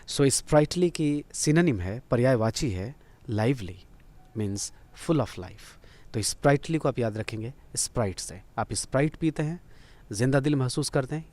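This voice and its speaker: Male teacher voice, steady and patient, repeating key words for a vocabulary lesson. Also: medium pitch. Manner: explains slowly, repeats and spells out words. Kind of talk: lesson on vocabulary with memory tricks.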